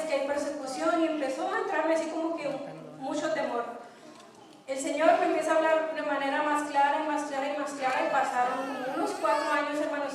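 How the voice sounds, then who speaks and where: High, earnest woman, church testimony, heard from afar in a long, booming hall. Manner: earnest, emotional, frequent tag questions. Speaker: church member giving testimony. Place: church sanctuary. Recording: echoey church hall, voice from far off.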